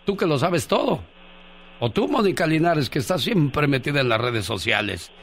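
With a fairly high voice and moderate pace, the man behind the mic, a radio host with a Mexican accent, reads out listener messages. It's comic banter full of jokes and teasing, delivered with animated storytelling.

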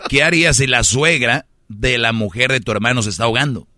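A man's voice: mid-range voice, fairly quick, pushed and bright. A man with a Mexican Spanish accent teasing his friends in casual banter.

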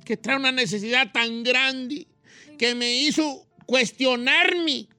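Guy putting on a bright twangy old radio host, hammy and teasing, dry studio sound. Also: extremely high pitch, no echo, faint music behind, exaggerated voice. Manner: drawn-out, melodramatic, rustic phrasing. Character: folksy elderly Mexican man, theatrical and teasing. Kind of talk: comedy radio banter.

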